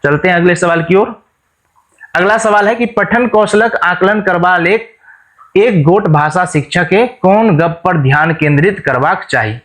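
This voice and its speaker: A man's voice: sits high, unhurried, a bit bright. A man teaching an exam-prep lesson, who explains each question and then restates it in plain words, often checking back with his viewers.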